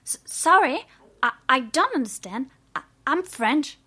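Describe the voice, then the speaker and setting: A young girl who keeps her cool and brushes off questions, as a woman plays her. The voice is somewhat high for a woman and stays even and composed. She is evasive, a heroine in a read-aloud storybook. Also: a little fast, close to an everyday voice. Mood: hesitant. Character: young girl, defiant then coolly calm.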